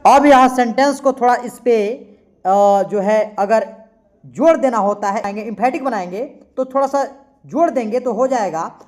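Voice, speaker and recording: A man teaching English grammar in a classroom lesson. He talks slowly and repeats himself, spells words out letter by letter, and asks questions that he then answers himself. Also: extremely high pitch, a little mellow.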